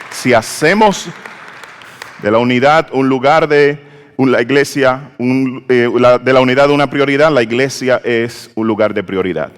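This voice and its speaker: A man preaching a sermon in a church, leading the congregation in call-and-response and asking them questions. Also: medium pitch. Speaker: pastor. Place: church sanctuary. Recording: church hall with long reverb.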